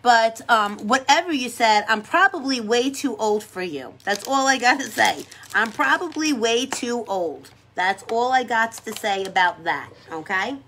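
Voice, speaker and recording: A woman's voice: on the high side, animated, unhurried, few pauses, fairly bright tone, slight background noise. A middle-aged woman from New York with a New York accent, hosting a casual livestream chat while doing her makeup, brash and chatty and often repeating herself. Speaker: livestream host.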